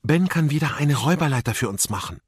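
Storybook heroine: a bold young girl, as a man puts her on, quick and hushed. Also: fairly high pitch, expressive, breathy edge, no echo, studio quality, voice pushed up. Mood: urgent. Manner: urgent, hushed. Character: clever, brave young girl.

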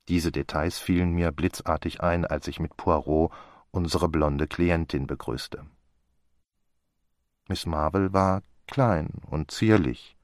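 A man narrating a detective story in the first person for an audiobook, in a measured storytelling delivery. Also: a bass voice, no room sound, clean studio sound. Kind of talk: scripted narration.

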